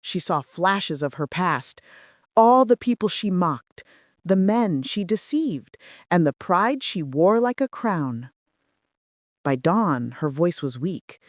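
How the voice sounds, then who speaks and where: A woman's voice: medium pitch, no echo, clean studio sound. A woman narrating a folktale in a scripted, dramatic storytelling style. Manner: dramatic, swooping delivery.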